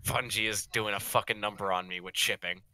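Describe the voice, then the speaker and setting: A man's voice: lowish voice, fairly even intonation, fairly quick, pushed and bright. A man on a stream, rambling in casual, crude and joking chat.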